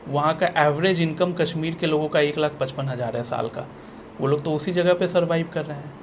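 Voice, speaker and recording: Man, slightly raised pitch, blunt sarcastic vlog rant, restarts and repeats lines, faint hiss behind. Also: fairly even intonation, a little fast. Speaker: vlogger. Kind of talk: ranting opinion vlog.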